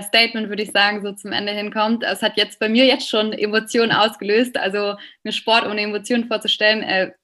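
A young woman conducts an interview in a bright, clear voice. Her melody stays fairly level, and she pads her questions with hesitant fillers as she goes. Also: medium pitch.

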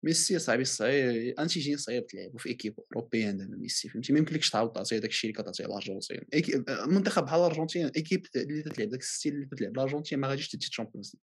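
Moroccan-accented man, very rapid casual sports debate, insistent, French phrases mixed in, mid-range voice. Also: medium pitch, animated, slightly rough. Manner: mixes in many French phrases.

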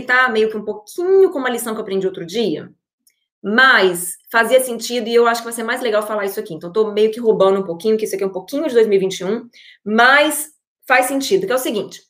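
A Brazilian woman giving an energetic, expressive motivational talk to her audience as an online creator. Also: on the high side, roomy sound.

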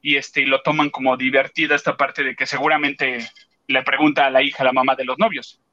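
A man's voice: medium pitch, little pitch movement, brisk, sharp tone, muffled recording. A man with a Mexican accent chatting on a radio show, telling a story animatedly and acting out the voices of the people in it. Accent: Mexican Spanish. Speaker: co-host. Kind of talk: casual chat, retelling a theater outing.

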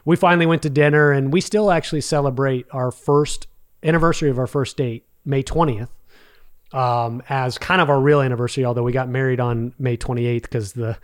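A man's voice: medium pitch, steady tone, fairly quick, smooth. A man with a light Texas accent, telling stories in a casual podcast chat as a guest. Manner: chatty storyteller. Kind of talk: casual conversation.

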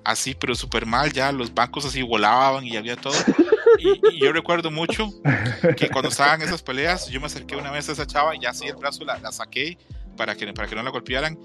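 A man's voice: mid-range voice, fast, bright, forceful tone, faint music behind. A man in his thirties with a Mexican accent, telling stories in casual chat. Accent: Mexican Spanish. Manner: storytelling, mimics voices with laughter. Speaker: podcast co-host.

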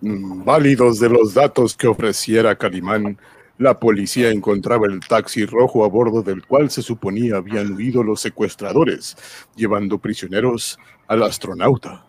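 A man's voice: lowish voice, moderate pace, darkish tone, a little hiss or hum, lightly acted. A man narrating an adventure serial as an old radio serial announcer, in a dramatic manner. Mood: dramatic, grave.

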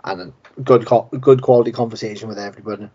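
Brief: middle-aged podcast host, mellow husky voice, easygoing banter. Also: male voice, lowish voice, fairly even intonation, fast. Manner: laid-back, swears casually, laughs often. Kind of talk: casual chat. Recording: dull lo-fi sound.

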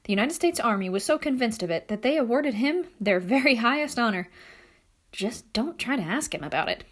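Lively woman narrating a novel. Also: on the high side, brisk. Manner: lively, expressive storytelling. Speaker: audiobook narrator. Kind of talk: first-person novel narration.

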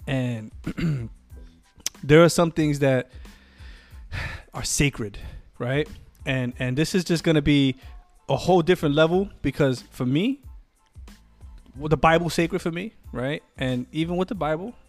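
A man's voice: a little high, measured pace, long pauses, dry recording, soft background music. A man co-hosting a podcast in casual chat, talking in a rambling way with lots of slang and swearing. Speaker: podcast co-host.

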